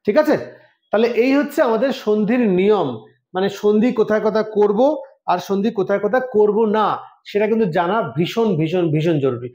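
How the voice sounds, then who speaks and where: Male tutor, higher-pitched voice, patient step-by-step explainer, recorded in a reverberant room. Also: fairly quick, warm tone. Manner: explains step by step, often checks understanding. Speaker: Sanskrit teacher for exam preparation. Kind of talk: online lesson. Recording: roomy echo.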